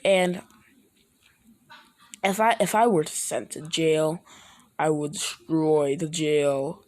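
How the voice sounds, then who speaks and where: A woman voicing an arrogant, all-powerful male fighter who talks in a low, quiet, boastful, threatening way. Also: steady tone, slow.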